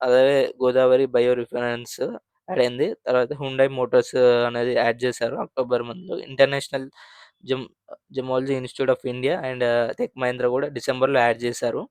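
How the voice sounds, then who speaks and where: A man's voice: mid-range voice, flat delivery, moderate pace, a little mellow, clean tone, no room sound, studio quality. A man hosting a finance channel, explaining mutual fund figures in a conversational way, with frequent fillers and restarts. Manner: conversational, many fillers and restarts, mixes English terms.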